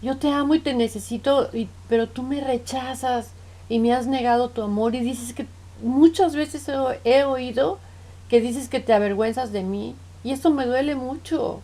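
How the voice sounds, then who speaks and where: Woman playing a hurt middle-aged daughter confronting her parents; pleading, reproachful, voice sits a bit high. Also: mellow. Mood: tearful pleading. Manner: pleading, reproachful, repeats "mamá".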